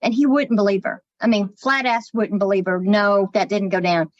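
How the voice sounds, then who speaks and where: A woman's voice: medium pitch, steady tone, normal speed, no echo, dull audio. A woman co-hosting a podcast, telling stories in casual chat and swearing now and then. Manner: chatty storyteller, swears casually. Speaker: podcast co-host.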